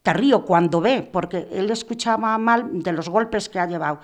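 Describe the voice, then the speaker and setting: A woman's voice: mid-range voice, normal speed. A middle-aged woman, the mother of a prisoner who died, giving an indignant, emotional testimony in a talk show and acting out what was said to her. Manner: indignant, rising to anguished outbursts, acts out dialogue.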